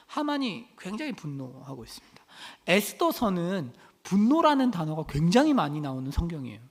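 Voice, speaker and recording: A male pastor leading a casual Bible study sermon, chatty, acting out small dialogues and putting questions to his listeners. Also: high-pitched. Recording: long church hall reverb.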